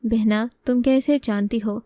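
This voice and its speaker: Brief: woman playing a young brother in a storybook reading, urgent and indignant, slightly high, warm tone. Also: steady tone, no room sound, natural voice. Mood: worried. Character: worried young man, the heroine's brother, defensive.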